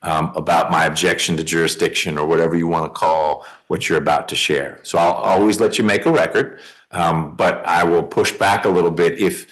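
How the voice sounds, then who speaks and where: A man's voice: low voice, steady tone, brisk, low-quality recording. A man speaking as a judge, explaining procedure in a plain, conversational way and checking that he is understood. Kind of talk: informal courtroom explanation. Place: courtroom.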